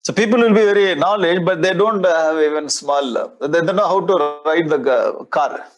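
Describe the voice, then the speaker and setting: A man in his sixties with a South Indian accent and a husky voice, lecturing on scripture as a spiritual teacher in a conversational way, often repeating phrases. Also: a little high, normal speed, music in the background. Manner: conversational, repeats phrases, explains with everyday examples. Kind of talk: lecture explaining Sanskrit scripture. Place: indoor studio in front of a display board. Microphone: lapel mic.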